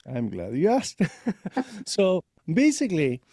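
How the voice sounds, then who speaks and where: A man in his forties from Argentina, a guest telling his career story in a lively, laughing way. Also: high voice, takes it slowly, no echo, clean studio sound. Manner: animated storyteller, laughs often. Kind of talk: casual interview.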